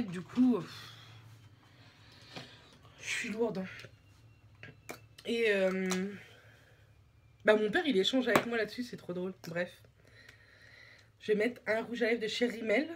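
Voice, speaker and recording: This young French beauty vlogger rambles while putting on makeup at home, casual, slangy, and poking fun at herself. Her medium-pitched voice is a little slow and pauses often, with background noise behind it.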